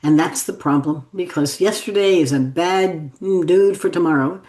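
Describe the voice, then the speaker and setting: A woman's voice: on the low side, moderate pace, mellow. Enthusiastic woman host in an echoey room. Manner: enthusiastic, affirming. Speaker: podcast host. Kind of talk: podcast interview. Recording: roomy echo.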